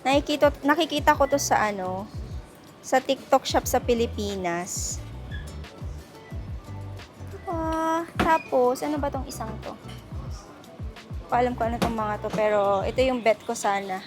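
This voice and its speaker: Filipino woman, travel vlogger, high voice, unhurried chatty delivery, handheld camera, loud music underneath. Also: lively intonation. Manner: chatty, mixes Tagalog and English, laughs often. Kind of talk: casual travel vlog. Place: shopping mall. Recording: loud music playing over voice. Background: background music.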